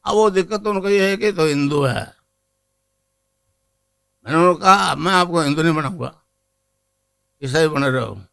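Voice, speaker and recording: A man's voice: on the high side, moderate pace, creaky, long pauses, fairly bright tone, clean tone. An older man, a guru, giving a rambling spiritual discourse to a gathering and chanting a mantra. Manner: digressive, teaching, chants a mantra.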